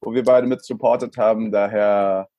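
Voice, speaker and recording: A man in his thirties who grew up in El Salvador chats casually as an interview guest, frequently repeating his words. His lowish voice keeps a fairly even intonation at a moderate pace, recorded lo-fi with no room sound.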